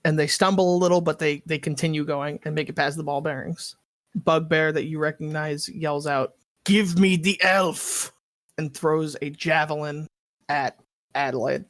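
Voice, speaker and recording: A woman runs a tabletop game, ruling on rolls in a brisk, matter-of-fact way. Her voice sits low for a woman. The recording is dry and close. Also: level tone, no echo. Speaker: game master.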